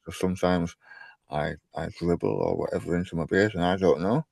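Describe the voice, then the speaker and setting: A man's voice: low-pitched, steady tone, brisk, creaky, a little mellow, dry recording. A man chatting casually as an interview guest, self-deprecating and often repeating words as he goes. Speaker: podcast guest, cancer survivor.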